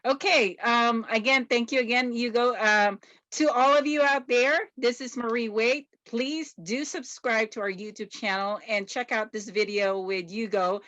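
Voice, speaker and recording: A woman's voice: on the high side, steady tone, measured pace, fairly bright tone, dry recording. A woman from the Philippines hosting an interview, enthusiastic and effusive with praise. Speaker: interview host. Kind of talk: casual interview conversation.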